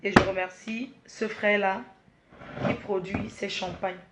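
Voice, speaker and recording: A woman, the head of her company, presenting a product launch slowly, repeating herself, restarting, and apologizing while she is emotional and choked up. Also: mid-range voice, flat delivery, very noisy. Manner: slow, repetitive, with frequent restarts and apologies.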